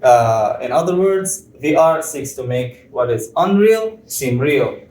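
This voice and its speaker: A young man from Tunisia giving a conference presentation, explaining step by step with frequent pauses and fillers. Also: mid-range voice, expressive, a little mellow, slight background noise. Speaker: PhD student presenter. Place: conference room. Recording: echoey room, far from mic.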